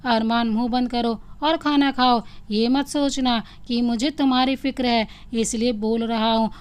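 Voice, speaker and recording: A woman voicing a stern, bossy young male boss who lectures quickly in a scolding way. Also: fairly high pitch, steady tone, clean tone, lightly acted.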